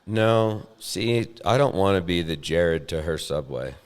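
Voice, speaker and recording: A man telling stories with dry, deadpan humor in a casual podcast chat. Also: deep voice, measured pace, in a large hall. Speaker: podcast host.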